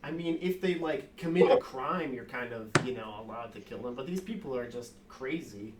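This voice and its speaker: A man narrating as game master in casual banter, laughing often and tossing in quick asides. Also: medium pitch, lively intonation, background noise.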